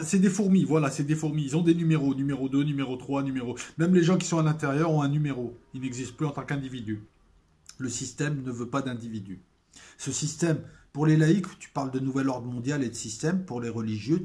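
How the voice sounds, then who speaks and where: A man talking to his viewers in a casual spoken monologue, hesitant, with many fillers and restarts, and getting louder on the points he stresses. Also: medium pitch. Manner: emphatic, swelling loudness on key points. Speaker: video essayist.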